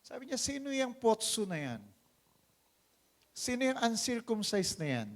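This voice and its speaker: High-voiced Filipino pastor preaching. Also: male voice, unhurried. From Philippines. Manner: animated preaching, shifting from loud calls to low asides, voicing characters in stories. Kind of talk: sermon.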